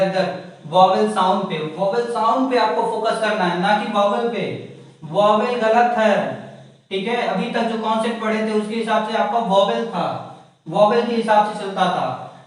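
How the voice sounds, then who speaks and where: A man's voice: high voice, steady tone, moderate pace. A man teaching English grammar in a classroom lesson, repeating points and asking questions. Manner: repetitive, asks the class questions. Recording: echoey room, mic far off.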